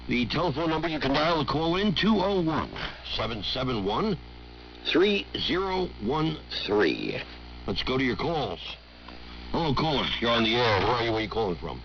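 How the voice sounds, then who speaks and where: A man hosting a live call-in talk radio show in a smooth radio host manner, assertive and quick to argue back at callers. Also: mid-range voice, very animated, a little hiss or hum. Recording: dull lo-fi radio broadcast.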